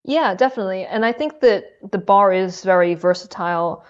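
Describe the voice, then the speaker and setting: Through dull audio, a fairly quick mid-range female voice can be heard. She's a young law student from Hong Kong guesting on a podcast, where she responds to questions in a casual interview chat, thoughtful and a little hesitant.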